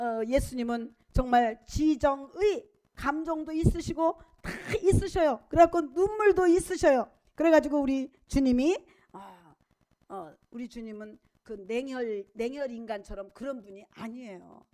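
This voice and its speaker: High-voiced woman pastor preaching emphatically. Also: normal speed, dark tone. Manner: emphatic, conversational preaching with personal stories. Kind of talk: sermon. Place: church service.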